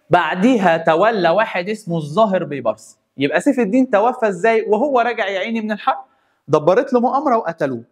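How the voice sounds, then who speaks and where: A young man with an Egyptian Arabic accent teaching a history lesson, telling it as a lively story and repeating key points. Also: high-pitched. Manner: animated storyteller, repeats points and chants rhyming memory lines. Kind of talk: energetic classroom history lesson.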